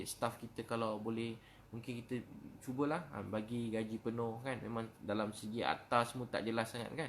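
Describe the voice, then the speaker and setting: A man's voice: medium pitch, slight background noise. A man preaching in a casual question-and-answer talk, with a Malaysian Malay accent and lots of "ha" fillers between phrases. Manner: fast, warm conversational preaching with many "ha" fillers. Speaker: religious preacher.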